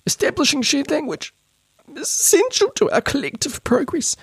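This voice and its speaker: A man's voice: very high voice, big pitch swings, moderate pace, vocal fry, a little hiss or hum, pitched above the performer's own voice, full character voice. A man putting on a mocking, sing-song voice as a preachy university administrator reading out a memo.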